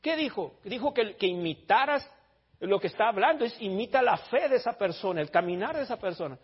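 A man's voice: high voice, lively intonation, a little fast, breathy edge. A man preaching a blunt, teasing sermon in a church, calling out his congregation, in a dull lo-fi recording. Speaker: pastor.

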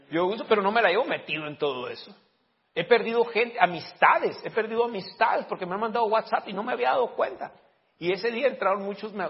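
A man preaching a sermon as pastor, lively, with frequent amens and rhetorical questions. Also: high-pitched, muffled recording.

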